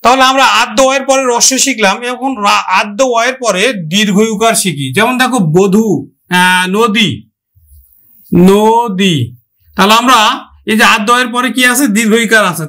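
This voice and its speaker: A man teaching an online grammar lesson. He asks questions, answers them himself, and stretches out each example word slowly. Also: high-pitched, bright, forceful tone. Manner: slow, drawn-out pronunciation of example words.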